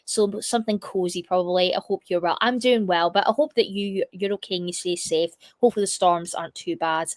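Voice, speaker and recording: A young woman hosting a casual livestream, chatty and full of fillers, her voice still a little croaky from a cough. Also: lowish voice, fairly quick, hardly any pauses, dry recording. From United Kingdom. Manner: chatty, reads chat comments aloud, many fillers. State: slightly croaky from a lingering cough. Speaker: livestream host.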